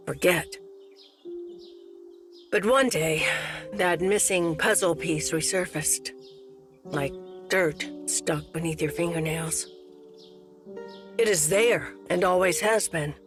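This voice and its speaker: An actress playing a haunted older narrator who recalls a buried past in a solemn video game monologue. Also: female voice, fairly low pitch. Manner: solemn, measured.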